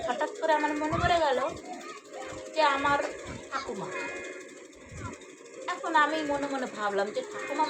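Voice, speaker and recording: A woman casually telling a true ghost story to her viewers, rambling and repeating herself, often addressing them as friends. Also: high voice.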